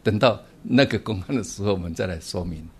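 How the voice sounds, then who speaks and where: Husky-voiced man giving a dharma talk. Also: fairly low pitch, brisk. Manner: animated, often asks rhetorical questions. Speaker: Buddhist teacher.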